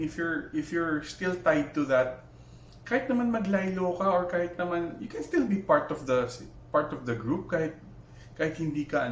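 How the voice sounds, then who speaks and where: A man's voice: mid-range voice, echoey room, slight background noise. A man with a Filipino accent giving heated reaction commentary, switching between Tagalog and English, firing rhetorical questions and restarting his sentences. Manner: argumentative, Taglish, rhetorical questions, many restarts. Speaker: vlogger reacting to another creator.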